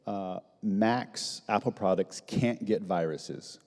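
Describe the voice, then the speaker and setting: A man moderating a seminar, putting quick quiz questions with a light, joking manner. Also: fairly low pitch, darkish tone. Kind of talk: casual seminar hosting. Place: seminar hall. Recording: echoey hall.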